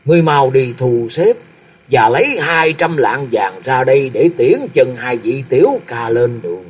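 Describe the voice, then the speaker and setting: A man's voice: medium pitch, expressive, a little slow, breathy edge. Man voicing a stern old kung-fu master. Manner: grave, commanding, sighing. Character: stern old male martial arts master, over fifty, half-paralysed.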